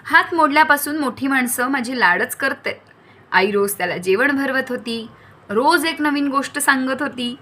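Woman storyteller, lively, speaks to young listeners, bright and tense tone, fairly high voice. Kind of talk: reading a children's story aloud.

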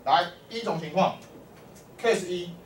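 A man with a high voice, speaking a little slowly, lectures a math class, constantly quizzing students and peppering his speech with "lai" and "o" prompts to answer. It's recorded from far off in an echoey classroom with faint hum.

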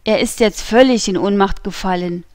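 A woman's voice: medium pitch, normal speed, darkish tone, no echo, clean studio sound, close to an everyday voice. A woman playing a fawning gossipy innkeeper.

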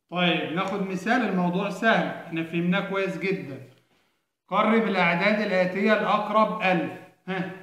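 A man's voice: high voice, fairly bright tone. A man with an Egyptian accent teaching a primary school math lesson, asking questions and answering them himself, repeating each step. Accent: Egyptian Arabic. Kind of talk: recorded classroom lesson. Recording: echoey room.

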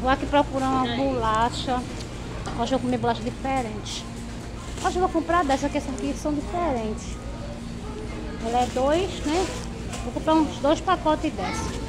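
A woman's voice: high voice, normal speed, long pauses. A middle-aged woman, chatting to viewers while shopping and walking through a market, filmed on a handheld phone. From Brazil. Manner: chatty, addresses viewers directly. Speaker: vlogger. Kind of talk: casual vlog commentary. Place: supermarket, then busy outdoor street market. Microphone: phone held at arm's length. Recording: busy crowd noise behind.

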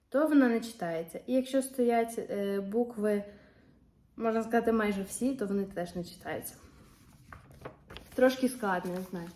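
A woman's voice: medium pitch, dark tone. A young woman teaching beginners French in a patient, careful way, saying each word twice. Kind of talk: patient classroom explanation. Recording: roomy echo.

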